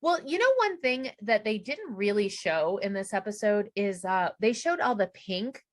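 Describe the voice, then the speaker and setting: A middle-aged woman co-hosting a podcast, chatting casually and acting out quotes with quick reactions. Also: medium pitch, expressive. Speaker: podcast co-host. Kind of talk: casual chat recapping a reality show.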